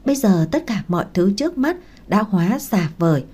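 A woman's voice: mid-range voice, sing-song, a little fast, mellow, breathy edge. A woman narrating a first-person audiobook story in a tearful, emotional manner.

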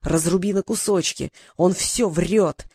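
A fierce desert warlord-wizard, put on by an audiobook reader, bellowing and insisting like a spoiled child. He drops low and stretches his words out. It is a dry, close recording with no room sound. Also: slightly rough, no room sound. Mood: frantic. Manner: shouting, insistent, drawn-out words.

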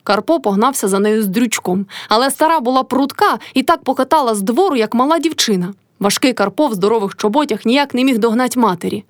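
A woman narrating a classic novel in an expressive audiobook reading. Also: on the high side, fast, hardly any pauses, dry recording, clean studio sound. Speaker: reader.

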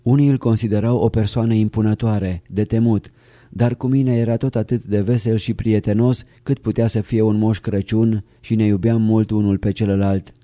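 A man reading a first-person memoir aloud as an audiobook narrator, calm and measured, close to the mic. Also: lowish voice, no echo.

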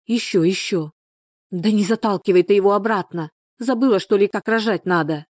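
A woman's voice: medium pitch, moderate pace, a little mellow, no room sound, clean studio sound, close to an everyday voice. A woman voicing a fussy village neighbor who acts as midwife, scolding and fussing in a folksy way.

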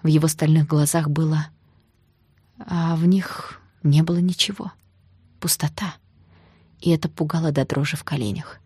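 A woman reading a first-person romance audiobook in a hushed, dramatic manner that often drops near a whisper. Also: low voice, steady tone, moderate pace, long pauses, slightly rough, dry recording. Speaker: audiobook narrator.

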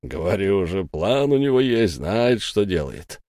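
A man doing a slow, easygoing village husband. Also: low-pitched, big pitch swings, darkish tone, no echo, studio quality, exaggerated voice. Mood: placid, reasoning. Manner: slow, placid, drawling. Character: easygoing, good-natured village husband, unhurried.

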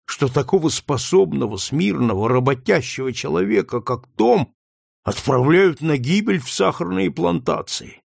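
A man's voice: fairly high pitch, vocal fry, no room sound, studio quality, exaggerated voice. Haley, a man doing a cynical trader. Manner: blunt, matter-of-fact. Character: coarse, cynical middle-aged male slave trader. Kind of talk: audiobook character reading.

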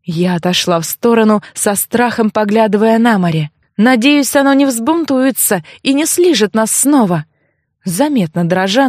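A woman's voice: medium pitch, a little mellow, dry recording. A woman reads a first-person novel as an audiobook. Her voice sits in the middle range and tells the story evenly but expressively. The recording is dry and close. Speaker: audiobook narrator. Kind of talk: first-person fiction narration.

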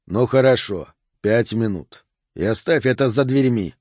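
A weary police lieutenant, as a male narrator voices him, curt and gruff, snapping short lines in a near-natural baritone. The sound is dry and close. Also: expressive, unhurried, a little mellow, dry recording. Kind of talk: audiobook character voice.

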